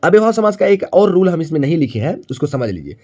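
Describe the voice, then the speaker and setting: A man with a fairly high voice teaches a grammar lesson in classroom style. He repeats key points, poses questions to the students and answers them himself, checking often that they follow. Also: sing-song, fast, warm tone. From Bihar, India. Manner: frequent tag question "है ना".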